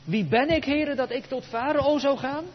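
A preacher voicing a pleading, reluctant Moses. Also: male voice, extremely high pitch, moderate pace, big-room sound, highs cut off, a little hiss or hum, voice pushed up. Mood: protesting.

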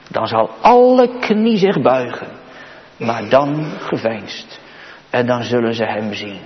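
A man preaches a solemn sermon, drawing his words out slowly and letting them rise to exclamations before sinking to near-whispers. His pitch swings widely and sits a bit high. The sound is muffled and dull, with the long reverb of a large church.

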